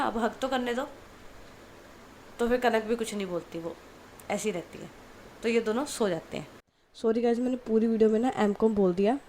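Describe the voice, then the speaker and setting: A woman's voice: mid-range voice, darkish tone, a little hiss or hum, poor audio. A woman hosting a channel, narrating a love story in a chatty, casual way with English words mixed in.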